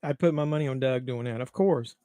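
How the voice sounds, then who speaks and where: A man's voice: mid-range voice, brisk, warm tone, smooth, no echo. Joking man hosting a livestream. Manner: crude, joking banter with chat. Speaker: livestream host. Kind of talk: casual watch-along chat.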